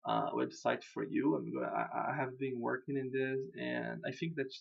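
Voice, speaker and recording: A web designer whose first language is Portuguese talks through a website design in a casual screen-recorded walkthrough, using loose, informal English. His gravelly, medium-pitched voice stays steady at a moderate pace, and he repeats himself, restarts sentences and chuckles at his slips. The recording is a little dull and lo-fi.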